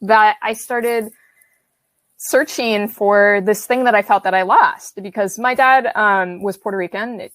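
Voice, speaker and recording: Speaking unhurriedly with fairly even intonation, this woman has a medium-pitched, fairly bright voice in a dry recording. She is an author-illustrator in her thirties from the American Midwest, casually rambling on a video call webcam in a brick-walled home studio, full of fillers and restarts.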